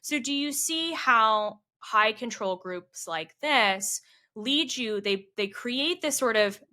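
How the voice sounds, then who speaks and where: Bright-voiced young woman telling her story. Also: fairly high pitch, expressive, slow pace. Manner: conversational, with frequent fillers like "like" and "you know". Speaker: spiritual coach and vlogger. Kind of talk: candid personal storytelling.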